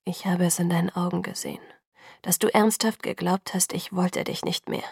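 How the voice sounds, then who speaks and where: A woman reading the lines of an intense, remorseful young man in love, soft, hushed and pleading. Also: on the low side, fairly even intonation, normal speed, gravelly, breathy edge, no echo, whispered, studio quality.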